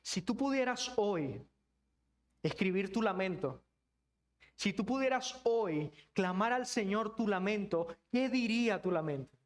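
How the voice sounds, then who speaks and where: Man preaching, pretty high voice for a guy, earnest, keeps asking the church questions, goes quiet and low to hit a point. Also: lively intonation, a little slow. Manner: earnest, drops to hushed low tones for emphasis; asks many rhetorical questions of the congregation. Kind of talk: sermon.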